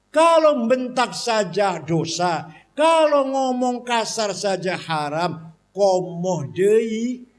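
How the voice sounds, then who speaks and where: Male preacher, high voice, unhurried, animated question-and-answer delivery, recorded in a reverberant mosque hall. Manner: animated, asks the crowd questions and answers them himself. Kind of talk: sermon. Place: large mosque.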